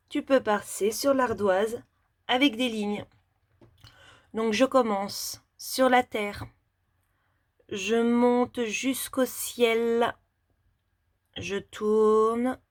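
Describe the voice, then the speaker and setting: A woman gives a handwriting lesson for young children at an unhurried pace. She talks through every stroke as she writes, in a plain mid-range voice. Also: medium pitch. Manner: slow, step-by-step demonstration while writing. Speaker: teacher.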